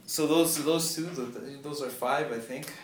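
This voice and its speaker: A man's voice: a little high, fairly even intonation, moderate pace. Easygoing man hosting a sports podcast. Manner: easygoing, laughs at himself. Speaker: podcast host. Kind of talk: casual sports podcast chat. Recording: echoey room with faint ambient noise.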